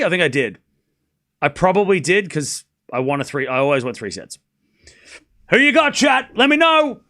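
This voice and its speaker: Bright, forceful and a touch high, this man's hoarse smoker's rasp carries his live tennis watchalong. His commentary is casual and informal, and between chats with viewers he keeps repeating scores and phrases.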